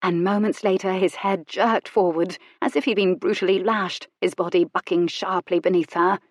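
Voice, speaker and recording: Woman with a lowish, dry narrating voice. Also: steady tone, moderate pace, no room sound. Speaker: audiobook narrator. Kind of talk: scripted romance narration.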